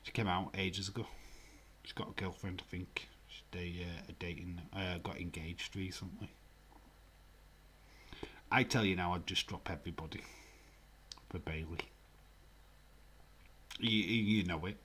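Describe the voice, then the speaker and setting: A Yorkshire man hosts a live stream in a deep, slightly rough and somewhat bright voice, keeping a steady tone at a measured pace with long pauses. He chats casually, teases his chat, laughs often and sometimes drops almost to a whisper.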